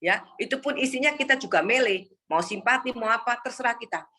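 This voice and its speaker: A woman's voice: on the high side, brisk, sharp tone. A woman preaching an exhorting sermon to a congregation on a video call, often calling the listeners "Saudara".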